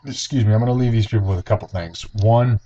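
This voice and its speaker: A man's voice: fairly low pitch, fast talker, dark tone, slight background noise. A young man co-hosting a sports podcast, rambling in a folksy way. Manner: rambling, folksy, says "y'all" a lot. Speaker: podcast co-host. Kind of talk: casual sports chat. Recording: dull lo-fi sound.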